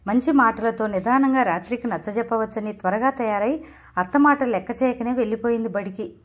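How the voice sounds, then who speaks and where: A woman reads a novel aloud in a fairly high voice, voicing each speaker's dialogue in her own plain tone. She stumbles now and then and corrects herself as she reads. The recording sounds dull and lo-fi. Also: a little fast. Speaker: audiobook narrator.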